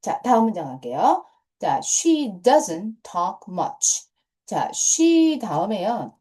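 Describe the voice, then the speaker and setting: Speaking on the low side with a dark tone, a middle-aged woman gives English grammar lessons to middle school kids. She keeps her patience, repeats what matters, and tends to lead into phrases with "자".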